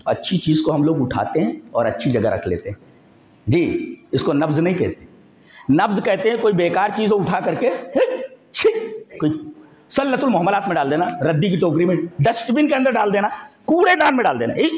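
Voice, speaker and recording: Animated man preaching a Friday sermon. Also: on the high side, roomy sound, muffled recording. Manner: animated, emphatic, acts out voices in quotes. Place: mosque.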